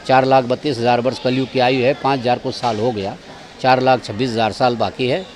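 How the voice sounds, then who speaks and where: A man's voice: mid-range voice, level tone, fairly quick, slight background noise. A man giving a guided tour of temple grounds outdoors, directive as he keeps pointing things out to his visitors.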